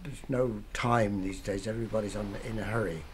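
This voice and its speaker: An older man, a retired harbour pilot, speaking in a measured, thoughtful way in a documentary interview. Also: lowish voice, fairly even intonation, slight background noise. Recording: music playing underneath.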